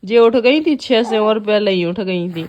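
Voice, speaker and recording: A woman's voice: mid-range voice, measured pace, a little mellow, muffled recording, slight background noise. A young woman with a Bundeli accent filming a casual family vlog at her village home, chatty and teasing as she talks to and about her children. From Bundelkhand, India. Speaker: vlogger and mother.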